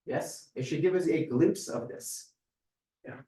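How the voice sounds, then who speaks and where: A man's voice: on the high side, measured pace, dark tone. A man giving a religious lecture, explaining words one by one and checking in with his audience. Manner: explains word by word, checks in with "right?". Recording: echoey room from a distance.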